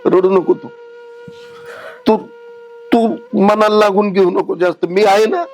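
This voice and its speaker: A man playing an aging village father who speaks in a gentle, consoling, rustic way. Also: high voice, steady tone, measured pace, faint music behind. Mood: weary. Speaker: actor. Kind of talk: short-film acting.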